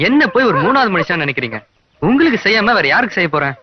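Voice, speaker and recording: A man's voice: high-pitched, sing-song, fast talker, a crowd in the background. An actor playing a boastful young man in a film comedy scene who shows off to impress a girl. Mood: showing off. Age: young adult. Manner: boastful, then wailing in mock despair. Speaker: film hero. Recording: dull noisy old film soundtrack.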